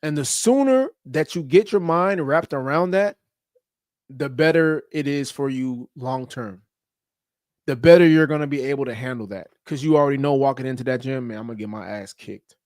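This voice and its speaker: A man's voice: medium pitch, moderate pace, a little mellow, no echo, clean studio sound. A man hosting a podcast, giving a blunt motivational talk about fitness and habits, with casual profanity and slang. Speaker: podcast host. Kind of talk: motivational monologue.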